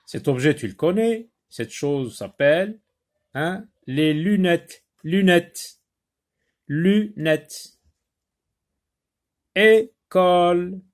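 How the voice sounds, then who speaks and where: A man teaching a phonics lesson to young children, repeating words slowly and hesitating often. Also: fairly high pitch, a little mellow. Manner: slow and deliberate, repeats words and syllables; frequent hesitations with euh.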